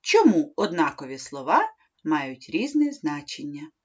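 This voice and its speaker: A woman reading a primary school lesson aloud, slowly and clearly, as a teacher. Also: low-pitched, sing-song. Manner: slow, clear instructional reading. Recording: dull lo-fi recording.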